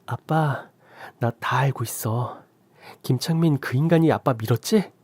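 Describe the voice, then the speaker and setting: A man's voice: measured pace, darkish tone, breathy edge, dry recording. A man voicing a young adult daughter, a wronged and furious wife, pleading and often tearful. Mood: urgent, indignant. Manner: pleading, rising to shrill, tearful.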